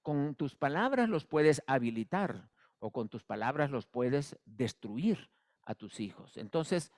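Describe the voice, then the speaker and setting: A man's voice: mid-range voice, lively intonation, slow, a little mellow. A man teaching a class on biblical counseling, explaining conversationally with fillers and acted-out examples. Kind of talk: recorded class lecture.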